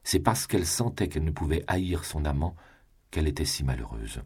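A man narrates an audiobook in a very low, deep voice. His tone is husky and breathy, and his delivery is measured and grave. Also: animated.

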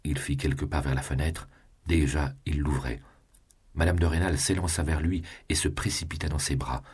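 Man reading a novel aloud, super deep voice, really husky. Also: steady tone, moderate pace, a little mellow. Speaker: audiobook narrator. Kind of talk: literary audiobook reading.

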